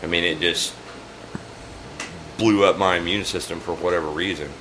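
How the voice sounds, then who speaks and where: A man's voice: deep voice, steady tone, moderate pace, pushed and bright, a little hiss or hum, poor audio. A middle-aged man hosting casual chat over drinks in his saloon, telling profane, laid-back stories. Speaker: bar owner and host.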